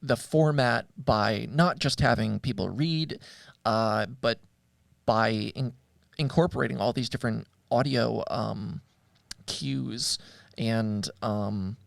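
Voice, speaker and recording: A podcast host talks casually about audio dramas in a slow, gravelly, mid-range voice. He sounds hesitant, often searching for words. The studio-quality recording has no room sound.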